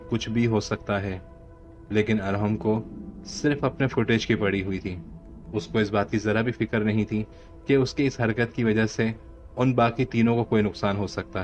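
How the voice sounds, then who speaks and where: A man with a Pakistani Urdu accent narrating a horror story in a steady storytelling voice. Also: lowish voice. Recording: dull lo-fi audio with faint hiss.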